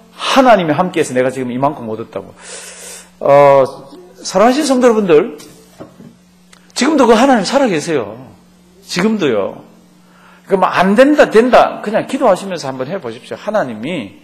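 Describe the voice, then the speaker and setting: A male pastor teaching a Bible class with a lively, swooping delivery. His voice sits a bit higher than most men's. He acts out quotes and throws questions to the class. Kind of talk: Bible study lecture. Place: church classroom.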